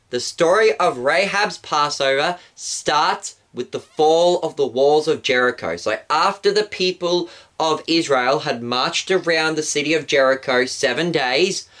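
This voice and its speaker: A male pastor calmly telling a Bible story for children and explaining it step by step. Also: on the high side. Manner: calm, explanatory, acts out shouts.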